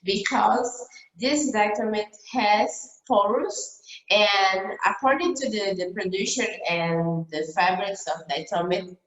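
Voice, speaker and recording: A woman from Brazil whose first language is Portuguese, giving a dentistry case report over slides on a video call, halting with many fillers and restarts. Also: mid-range voice, a bit bright. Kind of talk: conference talk over slides. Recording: roomy echo.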